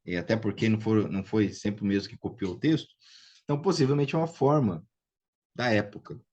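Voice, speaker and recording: A man's voice: fairly low pitch, a little fast, a little mellow, lo-fi sound. A man with a Brazilian Portuguese accent teaching a live biblical Hebrew class, patient and checking in with students as he goes. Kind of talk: live online class, explaining and drilling pronunciation.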